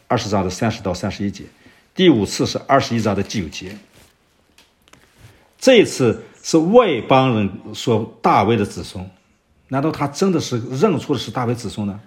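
Man giving an expository Bible sermon. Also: medium pitch. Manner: expository Bible teaching with rhetorical questions; searches for references aloud with many fillers. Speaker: preacher.

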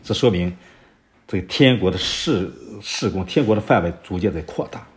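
A man preaching an expository Bible sermon, walking through verses and asking rhetorical questions, sometimes pausing with fillers while searching for references. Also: deep voice, lively intonation, slight background noise.

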